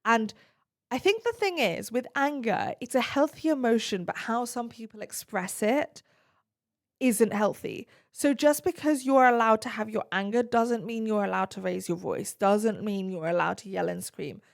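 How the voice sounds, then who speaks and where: A woman's voice: on the high side, moderate pace, gravelly. Earnest woman host giving direct advice. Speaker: podcast host answering listener questions. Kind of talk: advice podcast, conversational.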